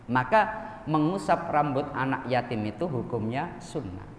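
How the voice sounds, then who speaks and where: A middle-aged religious teacher gives a study sermon in a conversational way and keeps turning to speak straight to the men listening. His voice sits slightly high for a man. The mosque hall rings with a long, roomy echo over a faint ambient hum. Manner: conversational, addresses the men in the audience directly.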